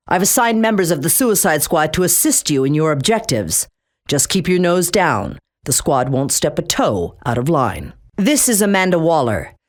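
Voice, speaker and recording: An actress playing Amanda Waller, a stern, commanding female government agency chief in a video game, with a cold, clipped, threatening delivery. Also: lowish voice.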